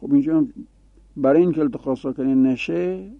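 Speaking in a slightly high, gravelly voice, a man teaches Arabic grammar to a class, laying out the rules and repeating example forms aloud. The sound is tinny like a phone and dry, with no echo.

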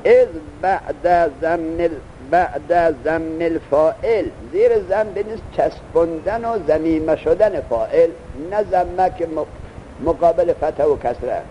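A man's voice: on the high side, lo-fi sound, slight background noise. A man teaching a grammar lesson, explaining step by step and asking his students questions.

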